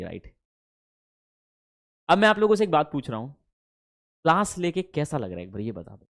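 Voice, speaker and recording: Male teacher, higher-pitched, chatty, drills pronunciation, drawn-out lines. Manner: addresses students fondly as kids, mixes Hindi and English; slows down and stretches English phrases. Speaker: English teacher. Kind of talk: online spoken-English class.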